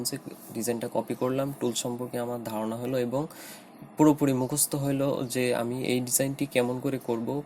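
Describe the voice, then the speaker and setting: A man with a Bangladeshi Bengali accent teaching design principles in a tutorial, talking in a halting way with many fillers and restarts. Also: mid-range voice, darkish tone, a little hiss or hum. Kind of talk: screen-recorded tutorial.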